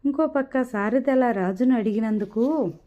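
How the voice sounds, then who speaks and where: Casting: female storyteller reading a serialized novel, slightly high voice, lo-fi recording. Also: moderate pace, dark tone. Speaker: audiobook narrator. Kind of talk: storytelling narration. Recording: dull lo-fi recording.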